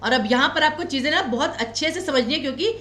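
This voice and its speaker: A woman teacher giving an exam coaching lecture, explaining patiently and repeating key points slowly, reassuring her students. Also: high-pitched, animated, bright, forceful tone. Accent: Himachali Hindi. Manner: reassuring, tells students not to worry. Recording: echoey room.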